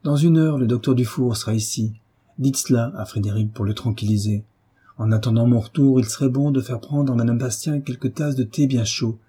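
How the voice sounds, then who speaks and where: A man voicing a calm, resolute tutor who gives steady commands, in a storybook reading. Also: medium pitch, brisk, husky.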